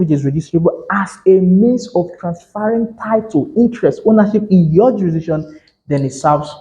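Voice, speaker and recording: A man's voice: medium pitch, dark tone, low-quality recording. Man lecturing realtors. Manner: conversational, self-correcting, emphatic. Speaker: real estate instructor.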